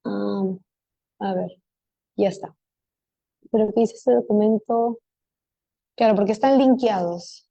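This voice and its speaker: A woman's voice: medium pitch, slow, gravelly, pauses often, dark tone, dull audio. Woman giving a teaching lecture. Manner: engages audience with frequent rhetorical questions; talks teachers through steps. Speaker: lecturer on learning difficulties. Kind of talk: conference lecture.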